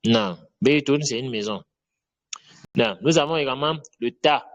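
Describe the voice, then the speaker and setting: A man's voice: mid-range voice, moderate pace, highs cut off. A man teaching an online Arabic lesson, patiently repeating letter sounds and checking that students follow.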